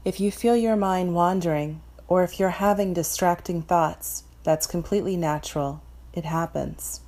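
A woman from Florida leading a guided meditation in a soft, calm, instructive way. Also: on the low side, normal speed.

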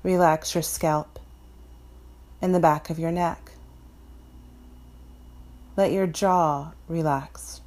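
A woman from Florida leading a guided meditation in a soft, calm, instructive way. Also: low voice, takes it slowly, long pauses.

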